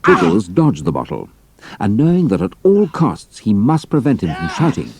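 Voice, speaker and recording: A man's voice: fairly low pitch, wildly swooping pitch, normal speed, a crowd in the background. A man narrating an adventure story in a scripted, dramatic style.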